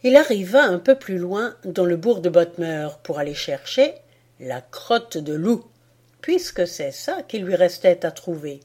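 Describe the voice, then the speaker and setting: Slow, expressive woman storyteller. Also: on the low side. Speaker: audiobook reader. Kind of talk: storytelling narration.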